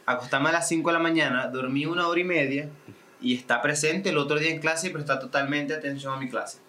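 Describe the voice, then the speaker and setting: A man's voice: on the high side, steady tone, fast, sharp tone. A man, co-hosting a casual podcast and chatting reflectively, often restarting his sentences. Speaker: podcast co-host. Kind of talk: casual chat.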